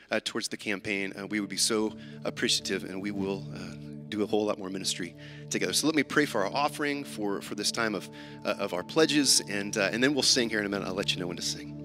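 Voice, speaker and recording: A man leads a church service as pastor, talking casually and stumbling over his words with fillers and restarts. His voice is bright and forward, and it rings through a large church sanctuary with a long reverb, as heard on a livestream. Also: lowish voice. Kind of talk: church announcements and prayer.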